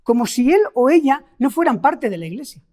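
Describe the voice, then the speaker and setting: A middle-aged woman from Spain, with a Spain Spanish accent, preaches a sermon, asking the congregation rhetorical questions and stressing key words. Her voice is high, very animated, and brisk, with a warm tone.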